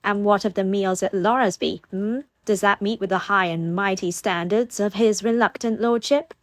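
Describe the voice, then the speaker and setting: Woman voicing teasing young gentlewoman Anna. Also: medium pitch, moderate pace, no room sound, lightly acted. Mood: playful. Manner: lively, teasing.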